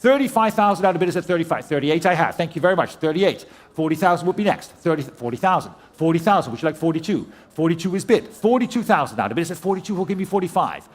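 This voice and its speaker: Male auctioneer, notably high voice, courteous and formal, running a live sale in repetitive rhythmic patter. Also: animated, fast. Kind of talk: live auction calling, rhythmic repeated bids.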